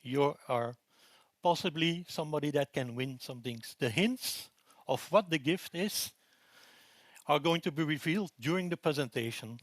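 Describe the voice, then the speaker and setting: This is a man in his forties from Belgium, presenting at a technical conference. His voice sits somewhat high for a man and the sound is dry with no room echo. He talks in a relaxed way, with plenty of ums and restarts. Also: normal speed. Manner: relaxed, with frequent fillers and restarts.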